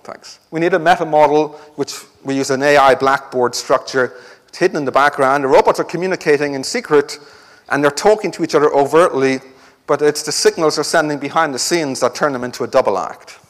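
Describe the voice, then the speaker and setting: A man's voice: fairly high pitch, a little fast, big-room sound. A man giving an academic conference talk with a wry, joking delivery. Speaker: conference speaker. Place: lecture hall.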